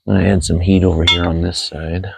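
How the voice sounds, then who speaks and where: A man with a growly voice calmly explains car repair steps as a helper mechanic. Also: deep voice, fast, heavy background noise. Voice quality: growly, gravelly. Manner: calm, explains step by step. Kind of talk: casual how-to explanation.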